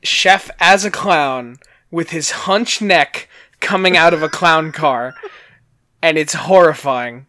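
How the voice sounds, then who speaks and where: A man's voice: a little high, slow pace, sharp tone, a little hiss or hum. A man co-hosting a casual podcast, reading episode summaries aloud with amused, joking asides. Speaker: podcast co-host.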